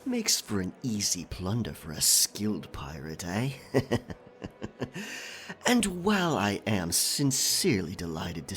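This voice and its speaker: A man's voice: low-pitched, a bit bright, exaggerated voice. A man playing a roguish, flirtatious, cocky pirate captain in a theatrical, teasing audio roleplay. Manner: teasing, theatrical, drawn-out delivery with chuckles. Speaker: voice actor. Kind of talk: romantic roleplay ASMR acting.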